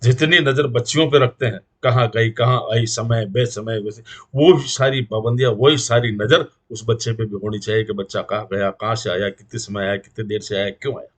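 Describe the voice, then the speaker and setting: A man's voice: on the low side, fairly even intonation, a little fast, hardly any pauses. A middle-aged man with a Rajasthani Hindi accent, making an earnest moral appeal to the community as a guest speaker, preaching in rhythmic repeated lists. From India.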